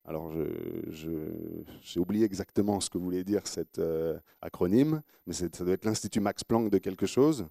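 A man's voice: low voice, moderate pace, vocal fry, hardly any pauses, dark tone, no echo, clean studio sound. A man with an English accent hosting a radio panel, introducing guests with frequent hesitations. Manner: hesitant, many fillers and restarts. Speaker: radio host.

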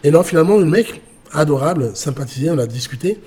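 Animated French man telling a story. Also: a little high, quick pace, slight background noise. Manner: animated, acts out quotes, many restarts. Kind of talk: casual anecdote.

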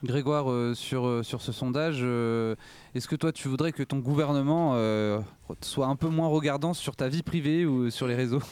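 A man's voice: medium pitch, moderate pace, a little mellow, clear, resonant tone, no echo. A man hosting a casual radio talk show, hesitant and laughing often as he hands over to others. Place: radio studio.

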